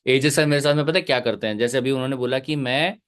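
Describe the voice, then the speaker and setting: A man's voice: mid-range voice, fast, fairly bright tone, clear, resonant tone. A male teacher giving a live online lecture, chatty and joking, mixing English terms into his talk.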